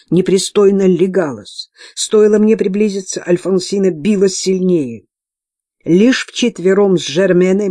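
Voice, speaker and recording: Woman narrator, lowish voice, dry close studio sound, steady first-person audiobook reading. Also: no echo.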